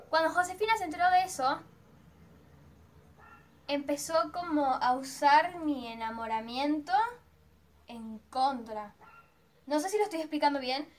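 High-voiced Argentine teen girl storyteller. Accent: Argentine Spanish. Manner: chatty, dramatic, acts out her own reactions. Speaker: vlogger. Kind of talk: storytime vlog.

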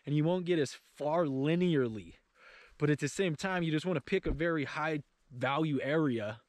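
A man's voice: a little high, no room sound. A plain-spoken man with a Californian accent, walking and talking to camera in snowy mountain woods, out of breath as he gives tips. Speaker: outdoor vlogger.

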